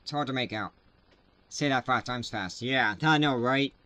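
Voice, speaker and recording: A man hosting live severe weather coverage, talking casually and haltingly with many filler sounds at a desk mic. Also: mid-range voice, pushed and bright, a little hiss or hum. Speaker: livestream weather host.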